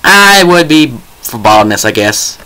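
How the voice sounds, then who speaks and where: A man's voice: fairly high pitch, big pitch swings, a little slow, very noisy. A young man co-hosting a casual podcast, asking would-you-rather questions and joking around in a rowdy, teasing way. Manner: rowdy, joking, slips into mock voices and quotes.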